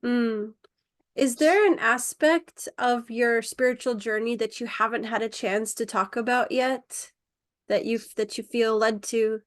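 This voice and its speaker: A woman hosting a podcast, asking gentle open questions and offering short encouraging murmurs. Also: fairly high pitch, measured pace, no echo, studio quality. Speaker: podcast host. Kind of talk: interview.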